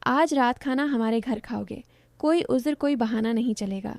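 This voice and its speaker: A woman's voice: fairly high pitch, darkish tone, no echo, natural voice. A woman voicing a spoiled, demanding young fiancée in a narrated love story.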